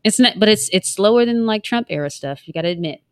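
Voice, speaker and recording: A woman's voice: medium pitch, animated, quick pace, clean tone, dry recording. A woman in her thirties co-hosting a casual talk show, playful and teasing. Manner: playful, teasing, laughing often. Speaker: show co-host.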